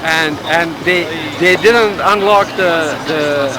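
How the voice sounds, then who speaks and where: Halting man from Afghanistan, outdoors. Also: a little high, poor audio. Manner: halting, many restarts and fillers. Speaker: hunger striker being interviewed. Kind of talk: street interview. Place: outdoors in a busy public area. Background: crowd noise.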